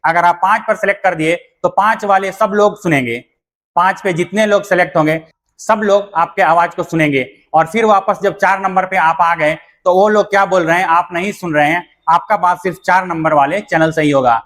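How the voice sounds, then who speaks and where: A man acting as instructor and channel host explains things step by step to his viewers, repeating points plainly. His voice is high and a bit bright, fairly even in intonation, and a little fast.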